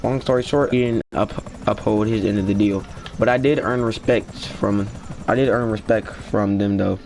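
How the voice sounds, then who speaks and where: A man's voice: fairly low pitch, fairly even intonation, moderate pace, darkish tone, slight background noise. Slangy young man telling a story. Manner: casual, slangy, swearing. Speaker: gaming vlogger. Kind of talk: storytime narration.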